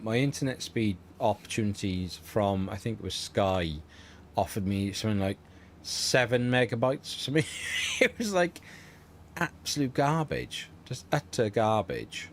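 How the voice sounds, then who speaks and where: Rambling low-voiced man, lively. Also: a little hiss or hum. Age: middle-aged. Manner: rambling, chatty, laughs often. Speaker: livestream host. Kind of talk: casual livestream chat.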